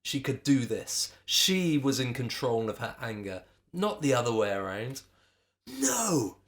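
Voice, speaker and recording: Man, children's author, reading aloud, very lively pitch, dramatic storybook narration. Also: moderate pace. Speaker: author reading his book.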